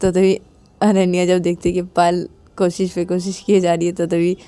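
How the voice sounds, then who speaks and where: A woman's voice: fairly low pitch, monotone, normal speed, dark tone, clear, resonant tone. A woman narrating a romance story in a casual, repetitive way.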